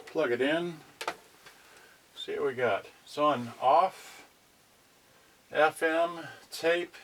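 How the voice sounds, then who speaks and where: Very slow and fairly bright, a higher-pitched male voice leads a casual, unscripted unboxing for his electronics channel. He rambles, thinks aloud, and frequently trails off mid-thought, all in a noisy home recording with clicks.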